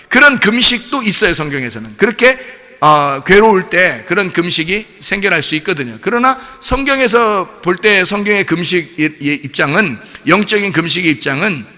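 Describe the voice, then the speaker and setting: A male pastor preaching a sermon in a chatty way, full of rhetorical questions and quick laughs. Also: high voice, pushed and bright. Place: church sanctuary. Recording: long church hall reverb.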